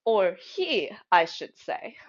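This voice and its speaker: With a medium-pitched, sing-song voice and a slow pace, this young fan theory creator chats casually and emphatically, working things out aloud. The home recording is lo-fi and a bit dull.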